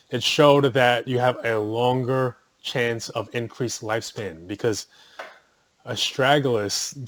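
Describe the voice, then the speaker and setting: Male wellness vlogger, mid pitch, dry close sound, loose and chatty with self-corrections. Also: dry recording. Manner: conversational, self-correcting, with restarts and asides. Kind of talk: casual product talk to camera.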